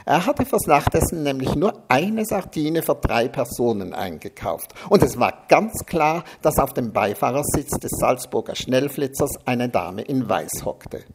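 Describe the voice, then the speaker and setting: A man's voice: medium pitch, animated, measured pace, few pauses, noisy background. A man reading a humorous first-person story aloud, with a sardonic, dryly mocking delivery. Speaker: narrator.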